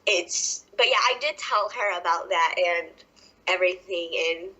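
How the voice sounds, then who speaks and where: A woman's voice: on the low side, a little slow, pushed and bright, husky. A woman in her twenties with a Southern US accent, a wrestler talking emotionally on a casual podcast interview, laughing often. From American South. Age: 20s. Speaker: wrestler guest. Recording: dull lo-fi podcast audio.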